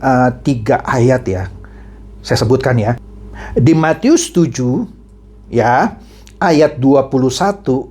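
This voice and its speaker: Husky, lively Indonesian preacher telling a story. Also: male voice, mid-range voice. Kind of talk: storytelling sermon.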